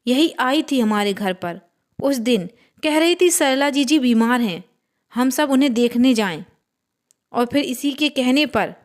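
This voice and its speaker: Brief: shrill grieving widow, voiced by a woman narrator, insistent and tearful, horror storybook. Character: grieving, frantic village widow accusing a girl.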